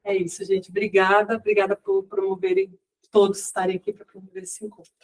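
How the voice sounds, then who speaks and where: A woman's voice: medium pitch, level tone, fairly quick. A woman producer introducing a public talk, rambling with many fillers and restarts. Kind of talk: event introduction. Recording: voice heard from a distance.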